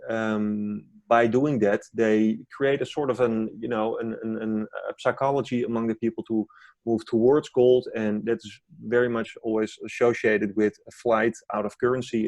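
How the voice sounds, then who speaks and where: A Dutch man from the Netherlands, appearing as a gold market analyst guest in an interview, explains things in English as a second language, searching for words. His lowish voice is a little mellow, and the recording is dry.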